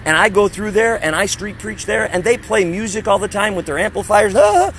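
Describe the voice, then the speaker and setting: This street preacher's voice is high-pitched, animated, and fairly bright, moving at a fairly quick clip on a poor recording with some hiss or hum. Addressing a small crowd outdoors in a parking area, he preaches conversationally and emphatically, asking rhetorical questions and mimicking other people.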